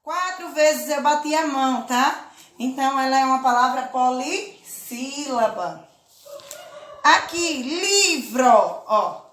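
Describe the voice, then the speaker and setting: A woman teaching a children's lesson, speaking slowly and patiently, drawing out words and often checking in with her listeners. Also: sits high, a bit bright, roomy sound, slight background noise. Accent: Brazilian Portuguese. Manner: slow, patient, drawn-out syllables with check-in questions. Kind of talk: children's lesson, clapping out syllables.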